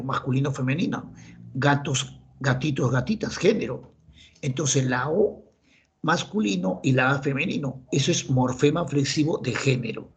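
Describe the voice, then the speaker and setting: A man's voice: on the high side, husky. A man with a Peruvian Spanish accent teaching a grammar lesson, asking himself questions and answering them in students' voices. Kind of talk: classroom grammar lecture.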